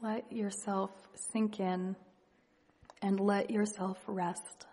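A woman leading a guided meditation and reading reflective poetry in a hushed, gentle, unhurried manner with long pauses. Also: mid-range voice, little pitch movement, husky. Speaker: meditation leader. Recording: long reverberant hall echo.

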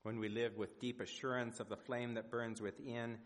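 A man preaching a prepared sermon, speaking in measured, rhetorical phrases with deliberate pauses in a church. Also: mid-range voice, flat delivery. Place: large indoor church sanctuary. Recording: reverberant church hall.

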